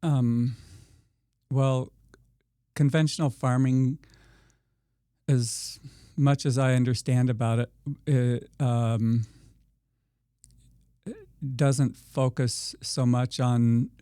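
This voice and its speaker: Slow, halting man with a smooth, dark voice. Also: medium pitch, steady tone, no room sound, studio quality. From Iowa. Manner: slow and halting, many fillers and restarts. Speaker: organic farmer guest. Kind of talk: podcast interview.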